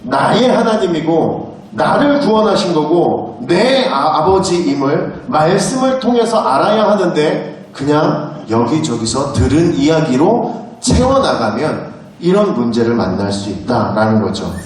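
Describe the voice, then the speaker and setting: Animated male pastor in an echoey church. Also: fairly high pitch, measured pace. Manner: storytelling, acts out dialogue. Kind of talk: sermon. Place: church sanctuary. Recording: very echoey hall, distant mic.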